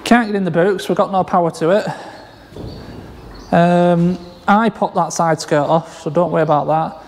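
A man's voice: sits high, steady tone, measured pace, a little hiss or hum. Rambling man in an echoey workshop. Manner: rambling, hesitant, with many fillers and restarts. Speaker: car salvage vlogger. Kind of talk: casual walkaround commentary. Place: large workshop garage.

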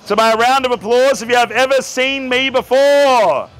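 A man's voice: very high voice, moderate pace. An Australian man in his thirties performing as a theatrical street magician, projecting and joking to an outdoor crowd. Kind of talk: live street magic show patter to a crowd. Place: outdoor night street market with onlookers. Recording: outdoor camera, crowd and music behind.

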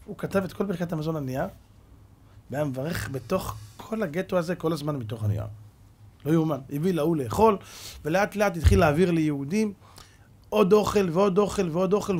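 A man's voice: on the high side, lively intonation, a little mellow. A man, a rabbi, preaching and telling a story emphatically, often calling to his listeners directly. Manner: emphatic, addresses audience directly. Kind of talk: dramatic sermon storytelling.

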